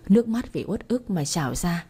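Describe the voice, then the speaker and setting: Somber, husky-voiced woman narrator. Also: lowish voice, animated, moderate pace, warm tone. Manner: somber first-person storytelling. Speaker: storyteller. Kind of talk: scripted audiobook narration.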